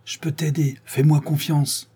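Old crone goatherd, quavering and sly, pitched up, read by a man. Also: little pitch movement, measured pace, warm tone, breathy edge. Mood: wheedling. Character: scheming old peasant woman, goatherd witch.

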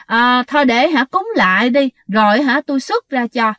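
Woman voicing a male train-accident ghost, bargaining, high voice, dry sound. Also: animated, moderate pace, fairly bright tone, dry recording. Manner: pleading, bargaining. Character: ghost of a man killed by a train.

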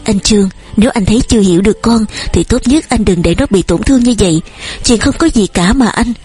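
A gentle middle-aged farm wife soothes and pleads, as a woman reader voices her. The breathy voice stays soft and even. Faint music runs under this audiobook reading. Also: medium pitch, fast talker. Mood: pleading.

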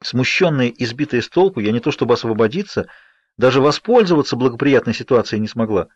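A man narrating a first-person novel in a steady, measured reading. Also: medium pitch. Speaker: audiobook narrator. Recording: dry, slightly dull audiobook recording.

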